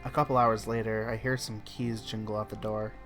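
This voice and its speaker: A man's voice: on the low side, level tone, fairly quick, fairly bright tone, faint music behind. A man reading a visual novel aloud in first person, casual, with small slips he corrects as he goes. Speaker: let's play narrator.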